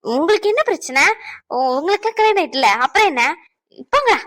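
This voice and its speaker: A woman's voice: very high voice, big pitch swings, a little fast. A woman voicing an irritated young woman in a cartoon who scolds her teasing friends. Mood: annoyed. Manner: scolding, exasperated. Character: irritated young woman, sharp-tongued, easily annoyed. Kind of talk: cartoon voice acting.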